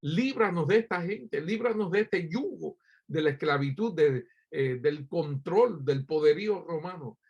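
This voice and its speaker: A man's voice: on the high side, expressive, measured pace, gravelly, hardly any pauses, darkish tone, slightly rough, lo-fi sound. A man from Cuba preaching a sermon as pastor, addressing listeners directly with rhetorical questions and frequent hesitant fillers.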